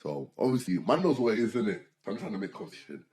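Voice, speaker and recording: A man's voice: fairly low pitch, very fast. A young man, telling a story in casual slang and acting out the people in it as a podcast co-host. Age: young adult. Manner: animated storytelling in slang, quoting others. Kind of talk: casual chat. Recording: echoey room.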